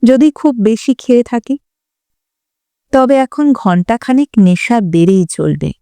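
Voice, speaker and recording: Female audiobook narrator, calm and even, slow mellow delivery, dry close sound. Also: fairly high pitch, clean tone, no room sound. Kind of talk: scripted narration.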